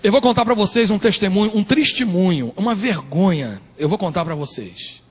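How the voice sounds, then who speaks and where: A man's voice: sits high, normal speed, breathy edge. A man with a Brazilian accent preaching a sermon as pastor, telling stories with humor and acting out voices. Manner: animated, humorous storytelling that acts out voices. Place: church sanctuary, indoors. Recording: reverberant church hall, faint music.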